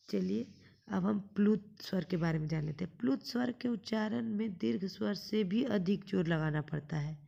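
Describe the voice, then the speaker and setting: Woman teacher for a class lesson: husky, gravelly delivery, patient and explanatory, poses questions to students then answers them herself. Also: medium pitch, a little mellow. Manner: draws out sounds slowly when demonstrating.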